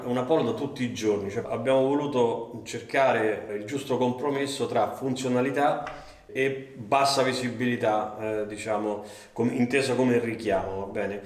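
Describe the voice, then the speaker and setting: A man in his thirties presenting a product, explaining step by step with frequent fillers and "right?" check-ins. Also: medium pitch. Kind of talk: product demonstration. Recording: roomy studio echo.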